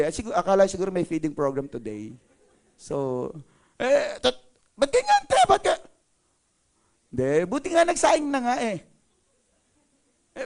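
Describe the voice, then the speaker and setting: A man's voice: high voice, darkish tone. A male pastor preaching a sermon in a playful way, joking with the congregation. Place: church service.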